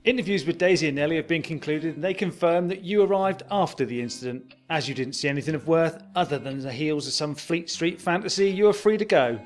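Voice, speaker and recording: Male actor as officious Victorian police sergeant, London accent, brusque, high lively voice, music beneath. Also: fairly quick, hardly any pauses, lightly acted. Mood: officious, evasive. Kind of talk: audio drama acting.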